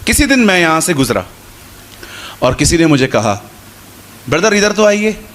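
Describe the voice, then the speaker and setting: A man with a high-pitched voice delivers a conversational sermon to a live congregation, repeating phrases for emphasis and slipping into short acted-out exchanges. A faint hiss sits under the recording. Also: big pitch swings, normal speed, fairly bright tone. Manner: conversational Hindi preaching with repetition and quoted dialogue. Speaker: preacher.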